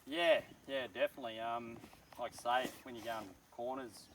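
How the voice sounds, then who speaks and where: A man giving easygoing, halting answers in a casual outdoor interview. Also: medium pitch, flat delivery. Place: outdoors in the countryside. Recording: distant mic with faint outdoor noise.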